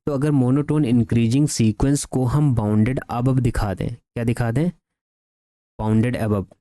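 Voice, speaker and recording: A man giving a math lecture that mixes Hindi and English, dictating theorems slowly word by word and asking his students questions that he answers himself. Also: mid-range voice, dark tone, dry recording.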